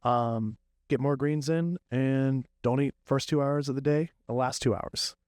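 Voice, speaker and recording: A man co-hosting a casual group podcast, hesitant and filling pauses with "um" and "like". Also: medium pitch, steady tone, darkish tone, smooth, no echo, clean studio sound. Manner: hesitant, lots of "like" and "um". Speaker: podcast co-host.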